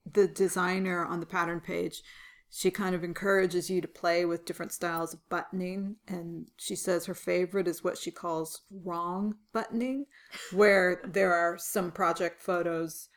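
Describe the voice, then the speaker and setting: With a fairly low, somewhat scratchy voice and a moderate pace, a woman co-hosts a casual podcast conversation. She's relaxed, describing details and chuckling now and again.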